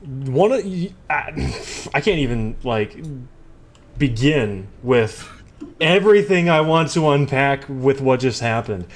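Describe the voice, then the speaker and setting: A man's voice: mid-range voice, animated, slow. A man giving esports color commentary, chatty and laughing when he trips over names. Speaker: esports co-caster.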